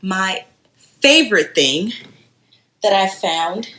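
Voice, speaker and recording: Speaking slowly with a medium-pitched, expressive, sharp-toned voice, this woman shares her thrift store haul with viewers. She's a home decor vlogger in her late thirties from Haiti, not a native English speaker, and she chats eagerly, addressing her audience as "you guys."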